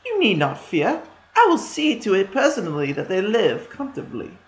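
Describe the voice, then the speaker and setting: A cunning witch who fattens children up to eat them, as a storyteller puts her on. She talks slow and sweet in a raised voice that leaps way up, with a sinister edge. It sounds like an echoey room. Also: high-pitched, huge pitch swings, voice pushed up, full character voice. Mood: falsely kind.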